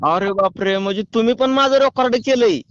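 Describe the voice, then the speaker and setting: A man on a prank phone call talks calmly and teasingly in a put-on official tone. His voice is high and smooth, and the muffled line sounds dry and close. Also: a little fast. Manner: calm, teasing, mock-official. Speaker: prank caller.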